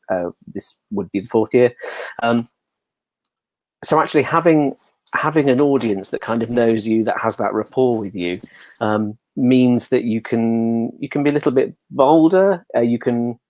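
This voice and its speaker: In a casual interview, an English man who performs as a pantomime dame shares anecdotes with self-deprecating humor. His medium-pitched voice is a little mellow; the recording has no echo and is low quality.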